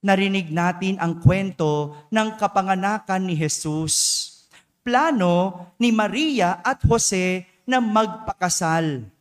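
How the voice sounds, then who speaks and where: In a church, a male priest with a high-sitting voice speaks slowly as he gives a dawn-mass homily, telling a story and checking in with the congregation by asking them to agree.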